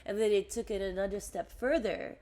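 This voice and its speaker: A young woman from the Netherlands talks as an interview guest, chatting casually. She gets animated and laughs easily, and she often breaks off and restarts her sentences. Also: medium pitch, a little fast. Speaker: guest actress.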